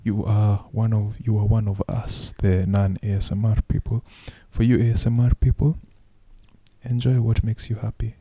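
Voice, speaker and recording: Low-voiced man in a hushed drawl. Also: flat delivery, moderate pace, slightly rough, no room sound. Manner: hushed low late-night voice, playful. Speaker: podcast co-host. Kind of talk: casual chat.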